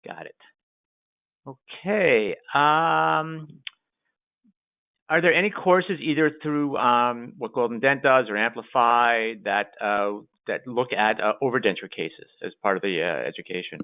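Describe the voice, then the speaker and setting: Brief: Canadian male moderator, halting delivery, tinny phone-like audio. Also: medium pitch. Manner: halting, with many fillers. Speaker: webinar moderator reading questions.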